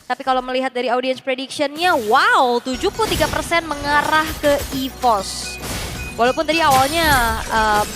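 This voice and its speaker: A woman with an Indonesian accent gives animated, conversational analysis as a live esports commentator, mixing in English gaming jargon. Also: high voice, normal speed. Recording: music behind the commentary.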